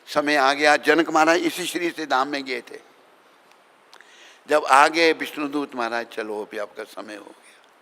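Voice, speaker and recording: A man, a swami, delivers an emphatic devotional sermon, weaving in stories and throwing questions at the gathered listeners. His voice has a gravelly, rough edge. The sound rings with the long reverb of a large hall. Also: on the high side, a little slow, bright, forceful tone. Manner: emphatic, exhorting, questions and calls to the audience.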